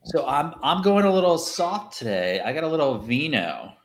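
A man's voice: on the high side, big pitch swings, moderate pace. A man hosting a casual live chat over drinks, chatty and jokey, often laughing. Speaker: podcast co-host. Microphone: livestream setup.

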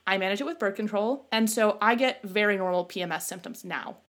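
A woman's voice: mid-range voice, a little fast. A woman in her twenties, a therapist, chatting casually and acting out the voices she quotes. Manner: animated, acts out quoted voices. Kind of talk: casual chat.

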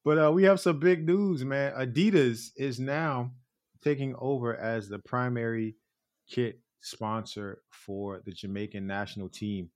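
A man's voice: medium pitch, fairly even intonation, measured pace, darkish tone. A man co-hosting a podcast in casual chat, joking, slangy and laughing often. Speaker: podcast co-host.

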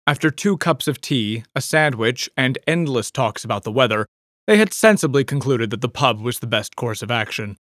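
A man narrating an audiobook in a steady, even storytelling manner. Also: medium pitch, moderate pace, dry recording, clean studio sound.

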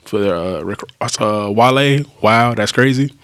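A man speaks in a deep, low and magnetic voice, very close to the microphone with a dry sound. His delivery is casual and conversational, like a panelist in a music discussion. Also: measured pace, a bit bright, clean tone, no echo. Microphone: speaking close to the mic.

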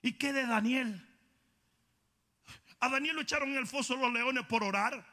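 A man preaching a comic, shouting sermon. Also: very high voice, moderate pace. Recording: long hall reverb.

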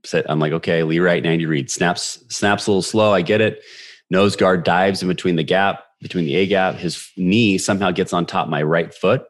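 Podcast guest, man in his 40s: very low, deep voice; brisk, animated storyteller. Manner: animated, quick storyteller who acts out quoted dialogue. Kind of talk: personal storytelling in a podcast interview.

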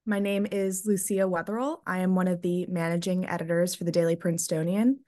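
A young woman speaks in a steady, sincere way about her work on the paper. Her voice sits a little below middle pitch. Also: brisk. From Pennsylvania, USA. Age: young adult. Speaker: student managing editor. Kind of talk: casual interview answers.

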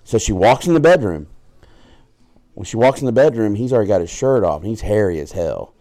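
Speaking a little fast and sounding animated, this co-host has a low, mellow voice and a Southern US accent. He's a crude, joking storyteller on a casual podcast, cursing freely and wandering off on tangents as he delivers a dirty joke.

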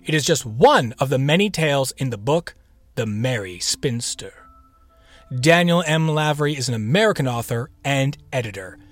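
A podcast host, a man with a mid-range, animated voice, chats through a scripted introduction at normal speed in a playful, theatrical way. He adds whispered, echo-like repeats and asides, with faint music playing behind him.

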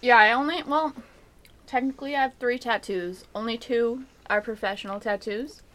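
Twenties woman podcast cohost, kinda high voice, super giggly and chatty. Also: normal speed, fairly bright tone. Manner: giggly, loose and chatty while eating. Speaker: podcast co-host. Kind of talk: casual chat.

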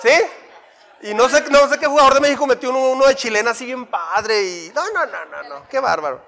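Mexican man, pastor, high bright voice, unhurried, playful group drills, long church-hall reverb, faint crowd. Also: gravelly. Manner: energetic, playful, chants lists with the group. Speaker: pastor leading a church workshop. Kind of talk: interactive Bible workshop with drills. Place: church hall with a live congregation.

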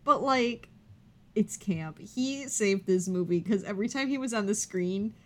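A woman's voice: medium pitch, expressive, measured pace. A woman co-hosting a podcast in casual chat, with wry, exaggerated commentary. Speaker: podcast co-host.

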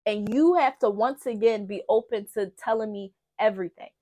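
A podcast host with a warm, medium-pitched voice speaks at a moderate pace, handing out blunt, profane relationship advice. Her delivery is casual and emphatic, the kind of candid talk you'd hear between friends.

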